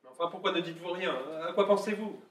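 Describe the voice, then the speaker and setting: A man's voice: sits high, fast talker, fairly bright tone. Man playing a stammering, gushing lover. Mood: anxious pleading. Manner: stammering, effusive, pleading. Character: gushing, anxious romantic male lover. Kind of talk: stage comedy acting. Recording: echoey room from far off, faint hiss.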